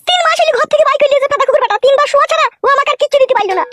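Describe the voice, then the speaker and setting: A woman's voice: extremely high pitch, racing, shouting. A woman voicing a hungry, fed-up young village wife who scolds her husband in a comic cartoon. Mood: scornful. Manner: scolding and bitter. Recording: music playing under speech.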